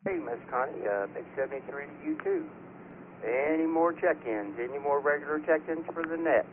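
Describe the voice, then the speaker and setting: A man's voice: on the high side, big pitch swings, moderate pace. A man working as net control on an amateur radio net, calling for check-ins in casual procedural talk over two-way radio with static. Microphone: radio microphone over repeater. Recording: narrow, static-laced ham radio transmission.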